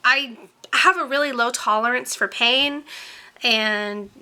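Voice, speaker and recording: A woman's voice: a little high, slow pace, bright, forceful tone. A woman, chatting casually to camera as a beauty vlogger, rambling with lots of ums and likes. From born in Romania, raised in Tennessee. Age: 20s.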